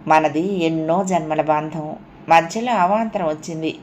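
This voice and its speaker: Woman doing a softly coaxing young lover. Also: low-pitched, measured pace, a little hiss or hum. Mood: tender coaxing. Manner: soft, coaxing, murmured.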